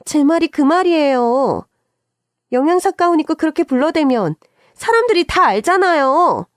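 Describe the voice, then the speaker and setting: A snobbish young doctor sister-in-law, as a woman puts her on, snapping in a high, sharp and condescending voice. She sounds indignant and looks down on her listener. The read is dry and close, with no room sound. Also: sing-song, brisk, no echo. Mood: indignant scolding. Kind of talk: dramatized radio story acting.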